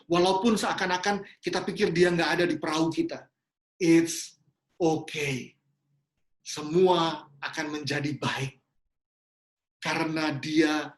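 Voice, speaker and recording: A man's voice: fairly high pitch, level tone, measured pace. A man preaching a sermon in an earnest way, often dropping English phrases into his talk. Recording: roomy echo.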